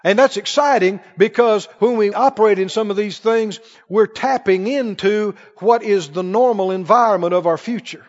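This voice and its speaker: Speaking at normal speed with almost no pauses, a man whose voice sits high teaches from the Bible to a congregation. His preaching is emphatic and questioning, recorded in a large church hall that leaves the sound muffled and echoing.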